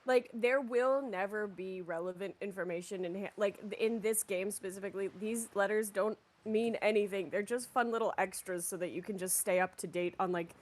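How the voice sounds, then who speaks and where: A woman's voice: mid-range voice, normal speed, hardly any pauses. A woman co-hosting a game stream in casual, slangy, enthusiastic chat.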